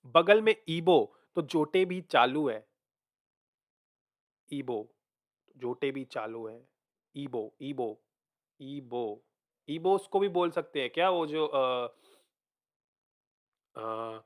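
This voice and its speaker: A man's voice: on the high side, lively intonation, extremely slow, pauses often. Chatty man breaking down rap lyrics. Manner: mixes Hindi and English, repeats lyrics aloud, thinks out loud. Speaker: music reaction host. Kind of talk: casual reaction breakdown.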